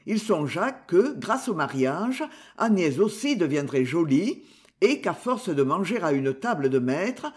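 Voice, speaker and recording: A man narrates a classic novel in a high voice that rises and falls with lively movement. His reading is measured and expressive, the steady pace of a practiced audiobook storyteller. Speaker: audiobook reader. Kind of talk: scripted literary narration.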